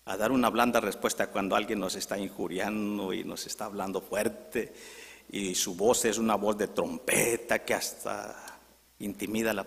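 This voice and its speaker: A man's voice: lowish voice, gravelly, fairly bright tone, big-room sound. A man preaching a sermon, asking the congregation questions.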